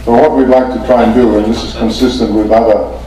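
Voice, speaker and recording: A man from Fiji, chairing a formal meeting in a polite, measured way with frequent pauses. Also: medium pitch, level tone, crowd noise. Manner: polite, measured, often pausing. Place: conference meeting room. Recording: echoey meeting room, mic at a distance.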